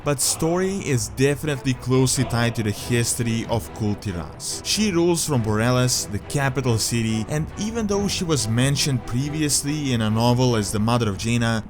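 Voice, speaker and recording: Man narrating a top ten countdown over prominent music. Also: medium pitch. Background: background music.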